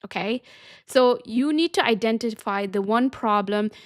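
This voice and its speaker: Woman coach, higher-pitched, dry close sound; emphatic teaching delivery. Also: measured pace, no echo. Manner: emphatic, keeps checking in with "okay?". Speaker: business coach.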